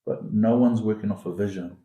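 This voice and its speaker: A man's voice: on the low side, a little fast, mellow, roomy sound, low-quality recording. A man from Singapore, founder of an education academy, talking emphatically as a podcast guest and building his points with repeated lines and long metaphors. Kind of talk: conversational podcast interview.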